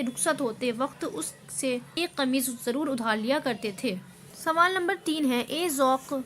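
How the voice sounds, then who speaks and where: A woman's voice: sits high, a bit bright, a little hiss or hum. A woman teacher with an Indian Urdu accent, reading a literary passage and explaining it line by line for exam preparation. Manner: reads a passage aloud, then explains it line by line in simpler words. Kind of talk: exam-prep lecture reading and explaining a text.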